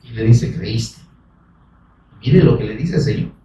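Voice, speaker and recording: A man preaching a sermon, fervent and rising to shouts, calling listeners brother. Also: medium pitch, measured pace. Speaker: pastor. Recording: echoey room, voice from far off the mic.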